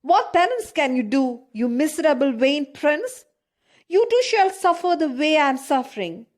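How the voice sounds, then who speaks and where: A woman voicing an old father broken by grief, shouting bitter accusations at a vain prince in a classroom reading of an epic tale. The voice sits a little high and rings with anguish. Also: sing-song, moderate pace. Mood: furious grief.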